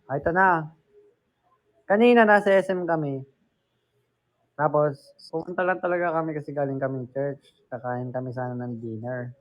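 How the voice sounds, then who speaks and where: A man's voice: on the high side, normal speed, long pauses, lo-fi sound. A young man from the Philippines hosting a casual live stream, telling a story with acted-out quotes, dropping English words in and laughing often.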